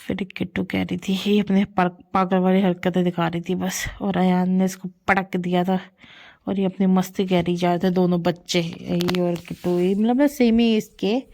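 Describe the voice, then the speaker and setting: A mother who vlogs narrates family clips in a casual voice-over, rambling and doting about her children's antics and repeating herself as she goes. Her voice sits fairly low, creaky and mellow.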